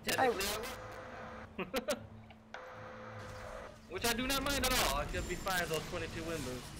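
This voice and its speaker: A man's voice: high voice, sing-song, normal speed, noisy background. A man chatting casually with friends during a team game, easygoing and chatty. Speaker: teammate and friend. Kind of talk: casual gaming chat.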